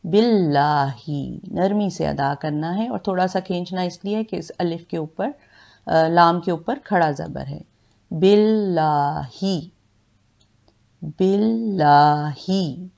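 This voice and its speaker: A woman with a Pakistani Urdu accent, teaching Quran recitation and pronunciation with patient, drawn-out syllable drills. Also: fairly low pitch, creaky, a little mellow. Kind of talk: slow step-by-step pronunciation lesson.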